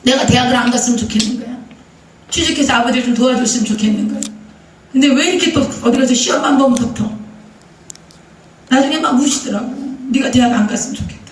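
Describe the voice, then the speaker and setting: A woman's voice: sits high, fast talker, long pauses, distant mic. A middle-aged woman pastor delivers an emphatic sermon, driving her story forward with rhetorical questions to the congregation. Her voice comes from some way off the microphone and rings around a roomy church hall, with a faint hum of ambience underneath. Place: church sanctuary.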